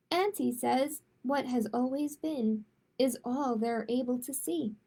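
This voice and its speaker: Reading a picture book aloud at a children's storytime, a woman chats casually between pages. Her high voice delivers it all expressively and with emphasis.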